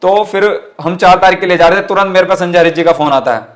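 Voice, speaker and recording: His voice sits high and moves at a quick pace as he answers interview questions in a western Uttar Pradesh accent. He speaks as a party activist using political rhetoric, earnest and emphatic, and he keeps repeating phrases.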